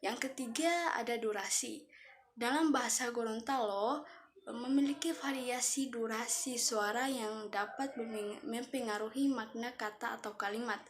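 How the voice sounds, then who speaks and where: A young woman student reads her class presentation from notes, now and then tripping over a word and restarting it. Her voice sits a little high. A faint hiss lies under the recording. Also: a little slow. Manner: reads from notes with self-corrections.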